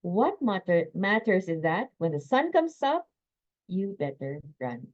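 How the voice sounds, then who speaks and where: A woman gives a sales training lecture over a video call, energetic and emphatic, with quick laughs between her points. The call audio is a little dull and muffled. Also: on the low side.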